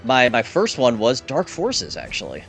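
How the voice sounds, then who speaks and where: A man's voice: medium pitch, wildly swooping pitch, moderate pace, a bit bright, soft background music. A man casually chatting while streaming a video game, narrating his play with playful asides. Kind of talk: casual gaming stream chat.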